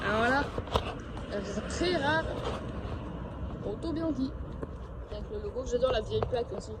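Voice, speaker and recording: A man giving excited commentary while spotting cars on a city street, gushing and stumbling over his words. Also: very high voice, moderate pace. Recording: dull lo-fi phone audio with loud street noise.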